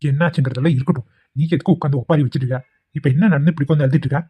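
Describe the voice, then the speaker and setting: A man's voice: a little high, fairly even intonation, very fast, dark tone, husky, no room sound. A man voicing an arrogant, threatening middle-aged son who quarrels with his mother in a cartoon. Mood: angry. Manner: harsh, threatening. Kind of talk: cartoon voice acting.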